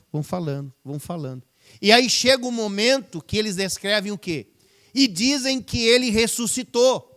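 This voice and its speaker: A pastor preaches a livestreamed church service in a voice that sits high and a bit bright. He talks conversationally and poses rhetorical questions to the congregation.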